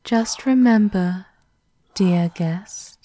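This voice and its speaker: A woman plays the devoted, menacing servant of a vampire countess in an ASMR roleplay, formal and softly sinister, often in a half-whisper. Her medium-pitched voice moves very slowly, with a cold, threatening mood.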